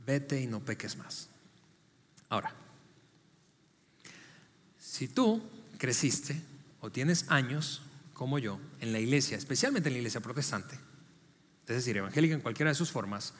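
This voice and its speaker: A man's voice: medium pitch, lively intonation, normal speed, long pauses, long reverb tail. A man preaching a sermon as pastor, speaking conversationally, asking the congregation direct questions and often repeating and restarting words.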